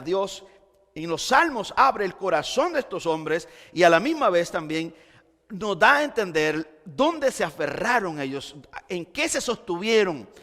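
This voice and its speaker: Impassioned preacher with a booming, lively voice. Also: male voice. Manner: impassioned, swings between quiet and shouting. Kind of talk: sermon. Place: church sanctuary. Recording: church hall reverb.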